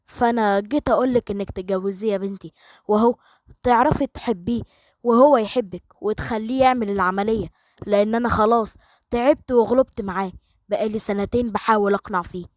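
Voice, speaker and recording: A woman doing a middle-aged father, Egyptian Arabic accent, earnest, coaxing, quick, dry sound, storybook. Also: mid-range voice, darkish tone, no echo, close to an everyday voice. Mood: pleading. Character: worried middle-aged father pleading gently.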